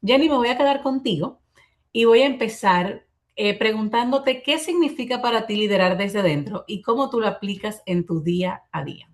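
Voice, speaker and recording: A woman's voice: fairly high pitch, animated, moderate pace. A woman moderating an online panel, introducing speakers and guiding questions fluently. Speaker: webinar moderator. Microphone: video call.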